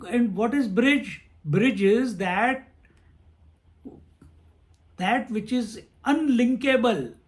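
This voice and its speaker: A man giving a spiritual discourse on scripture, repeating phrases and chanting verses. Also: high voice. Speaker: swami teaching scripture.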